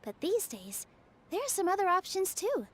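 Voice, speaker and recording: A woman's voice: very high-pitched, very animated, normal speed, noisy background. A woman voicing a proud, old-fashioned woman scholar in a game, speaking in a confident, matronly way. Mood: self-assured. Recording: game audio with music behind.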